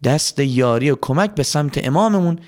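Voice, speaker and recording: A man's voice: fairly high pitch, lively intonation, a little mellow. A man narrating a religious story to children in an earnest, dramatic way.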